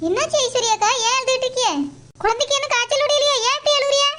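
A woman voicing a calm, comforting village mother with a Tirunelveli Tamil accent. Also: very high voice, fast. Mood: reassuring. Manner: soothing, reassuring. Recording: loud hiss behind voice.

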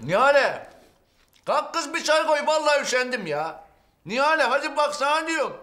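An actor playing a hot-tempered comic husband who barks orders and blusters in sitcom acting. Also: male voice, very high voice, sing-song, normal speed, slight background noise, heavily acted. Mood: grumbling. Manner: blustering, bossy, panics into yelling.

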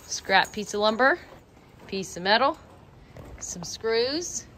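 A woman's voice: a little high, lively intonation, takes it slowly, bright, forceful tone. Teasing woman filming in a noisy barn. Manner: teasing, laughing, chatty. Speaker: vlogger filming her husband's barn work. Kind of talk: casual off-camera narration. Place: inside a large pole barn. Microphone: handheld phone camera. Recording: noisy barn with clicks and vehicle sounds.

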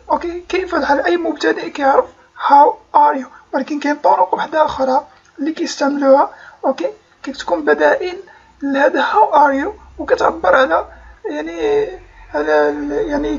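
A woman with a Moroccan accent teaching English phrases, repeating each one slowly and often saying "okay" and "alright". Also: high-pitched, highs cut off. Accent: Moroccan Arabic. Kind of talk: language lesson video.

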